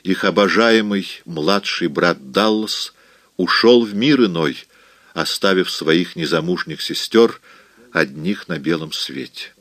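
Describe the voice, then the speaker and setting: A man narrating an audiobook in an expressive, dramatic reading. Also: low voice, slow, gravelly, no echo.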